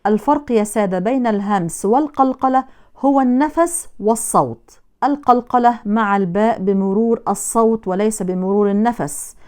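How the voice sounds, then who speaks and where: A woman teaching Quran recitation, explaining in a measured way how each letter is pronounced and contrasting correct and incorrect forms. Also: mid-range voice, a little mellow, smooth. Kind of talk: Quran pronunciation lesson.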